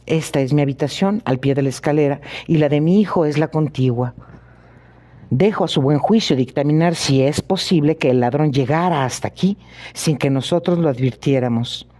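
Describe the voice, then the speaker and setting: A man voicing a proud, impatient elderly country gentleman in an audiobook reading, with curt, testy replies. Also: fairly high pitch, normal speed, lightly acted.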